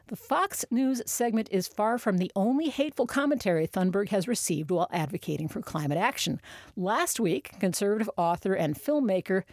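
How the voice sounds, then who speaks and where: A woman's voice: mid-range voice, darkish tone, no room sound, clean studio sound. A woman hosting political commentary, talking in a sarcastic, scornful way.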